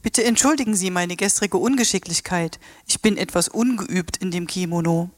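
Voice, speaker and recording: A woman's voice: fairly low pitch, moderate pace, no room sound, clean studio sound, natural voice. An actress playing a polite, formal Japanese woman tour guide in a radio play.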